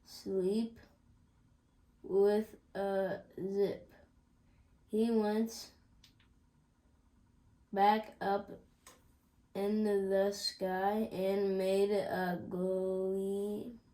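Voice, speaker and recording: A learner reading aloud in a halting way, sounding out one word at a time. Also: female voice, medium pitch, little pitch movement, mellow. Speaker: reading student. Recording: echoey room.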